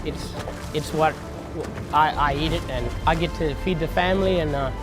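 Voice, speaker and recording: A man's voice: a little high, normal speed, loud music behind the voice. An Australian man, a hunter, talking casually in an interview.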